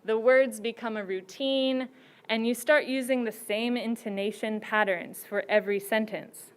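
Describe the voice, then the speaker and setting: Woman, contest judge, clear higher voice, measured teacherly delivery with rhetorical questions. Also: steady tone. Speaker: contest judge giving advice. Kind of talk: prepared speech to students.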